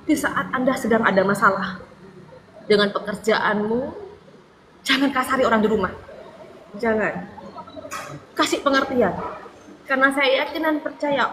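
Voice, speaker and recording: A woman from Madura preaches to her live-stream audience in an earnest, pleading way, her voice sitting a little high and sometimes close to tears. She is picked up on a phone, with clear background noise under her. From Madura, Indonesia. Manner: earnest, pleading, tags most phrases with "ya"; emotional, near tears at times. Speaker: evangelist.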